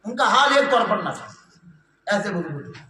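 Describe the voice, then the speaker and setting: A man preaching a sermon and telling a story to a gathering, at times chanting verse and raising his voice to a shout. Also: sing-song, normal speed, distant mic, slight background noise. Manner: rising into chanted, shouted verse, then dropping to a low telling tone. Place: religious gathering hall. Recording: echoey hall, voice from afar.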